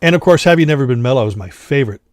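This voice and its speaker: A man hosting a casual chat, talking quickly and eagerly about music he loves. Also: mid-range voice, animated, no echo, clean studio sound. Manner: quick, enthusiastic music-fan talk.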